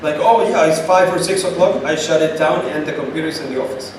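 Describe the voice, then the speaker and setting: Fast-talking and fairly high-pitched, a Chilean Spanish-accented man fields questions at a startup event. He stresses his answers by repeating points, captured in a noisy room with echo and distance.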